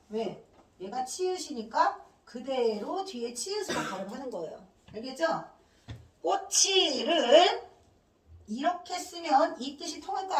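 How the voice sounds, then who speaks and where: Woman teacher, classroom lecture, high voice, asks and answers her own questions, echoey room, mic set back. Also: recorded from a distance. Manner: spells out letters one by one, drilling.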